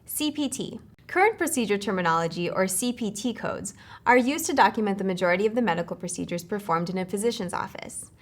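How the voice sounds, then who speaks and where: A woman's voice: medium pitch, expressive. Woman narrating a scripted course lesson. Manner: measured, slows down to spell out acronyms.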